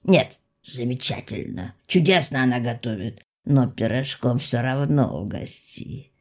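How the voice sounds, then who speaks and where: A woman voicing a clumsy, sheepish male werewolf in an audiobook, with a low growling mutter. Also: animated, unhurried, full character voice. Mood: gruff. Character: awkward male werewolf, gruff but timid. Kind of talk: audiobook character voice.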